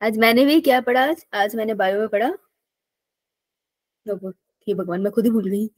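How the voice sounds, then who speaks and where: A woman's voice: medium pitch, normal speed, no room sound. A young woman teaching a live online biology class in a casual, chatty way, telling stories and often laughing.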